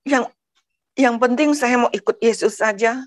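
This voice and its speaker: A woman's voice: on the high side, dry recording. A middle-aged woman from Padang giving an emotional personal religious testimony, repeating words and often turning to her listeners directly. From Padang, West Sumatra. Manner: earnest, emotional, repeatedly addresses listeners as brothers and sisters; halting, repeats words as she talks. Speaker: testimony speaker.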